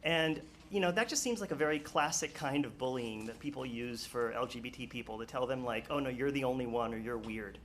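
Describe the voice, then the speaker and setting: A man giving a public comment at a town meeting, earnest and a little nervous, halting with many fillers. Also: mid-range voice, fairly bright tone, slight background noise.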